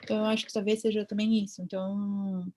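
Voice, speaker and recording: A woman's voice: mid-range voice, flat delivery, fast, warm tone. A woman with a Brazilian Portuguese accent giving a chatty online veterinary ultrasound lecture, often acting out her own thoughts.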